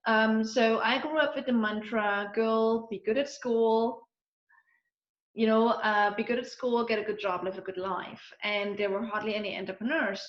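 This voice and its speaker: A woman's voice: a little high, steady tone, normal speed. A woman in her forties from Eastern Germany, a guest telling her life story in a chatty way, full of fillers and restarts. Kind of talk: casual conversational interview. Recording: roomy, dull lo-fi audio.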